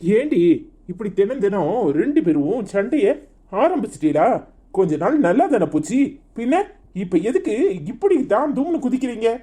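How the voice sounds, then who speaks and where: A woman's voice: fairly high pitch, very animated, normal speed, dark tone, breathy edge. A woman voicing a weary older village woman in a cartoon comedy, with a Tirunelveli Tamil accent and an exasperated, pleading manner.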